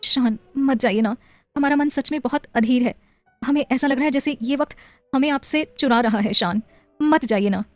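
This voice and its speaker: A woman's voice: high-pitched, normal speed, faint music behind, pitched above the performer's own voice, lightly acted. Woman voicing a frantic young mother. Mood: pleading. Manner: pleading, frantic. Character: young mother, anxious and tearful.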